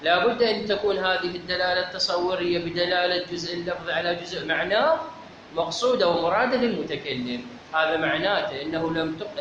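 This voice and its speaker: A man with an Iraqi accent teaching a seminary lecture on logic, methodical, asking rhetorical questions and answering them himself. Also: high voice. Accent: Iraqi Arabic. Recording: very echoey, dull lo-fi, clear background noise.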